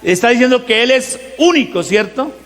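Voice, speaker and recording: A man preaching a teaching sermon, who asks the congregation rhetorical questions and slows down to stress scripture verses. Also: very high-pitched, expressive, a bit bright. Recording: long hall reverb.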